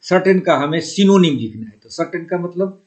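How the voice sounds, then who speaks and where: A man's voice: high voice, animated, darkish tone. A man with an Indian accent teaching an exam-prep English lesson, switching between Hindi and English and repeating the key words. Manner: slow and deliberate when reading English sentences aloud.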